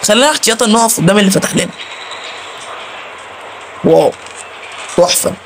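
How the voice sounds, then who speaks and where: Fast-talking Egyptian man, nervous gamer. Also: high-pitched, animated, noisy background. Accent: Egyptian Arabic. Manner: nervous chatter, pleads with the game character. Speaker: gaming channel host. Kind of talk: let's play commentary.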